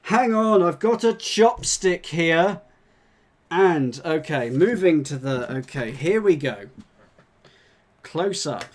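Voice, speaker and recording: On a livestream, a man with a fairly high, lively voice works through a puzzle and chats casually. He reads the clues out haltingly, restarting often and breaking off for asides.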